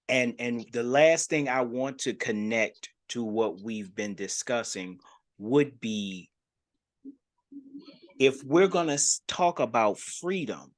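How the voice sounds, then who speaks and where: Easygoing male talk show host. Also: mid-range voice. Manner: easygoing, affirming, laughs along. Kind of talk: casual interview chat.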